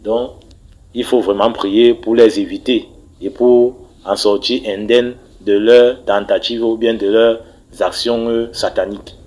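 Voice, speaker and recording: A man's voice: lowish voice, steady tone, measured pace, a little mellow, rough recording. A man from Cameroon sending a recorded message, preachy in tone, stumbling and repeating words as he urges listeners to pray. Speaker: story contributor. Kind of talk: recorded voice message telling a mystical story.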